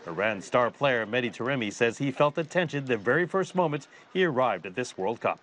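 A man files a scripted news report in a steady, even voice of middle pitch. Faint street and traffic noise sits behind him. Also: a little fast.

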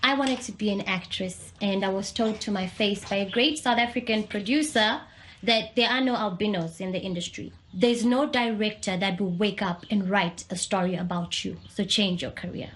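A woman's voice: mid-range voice, moderate pace, reverberant. A young woman speaking candidly and earnestly, telling her own story in a conversational way. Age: young adult. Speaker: interviewee. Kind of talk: personal testimony.

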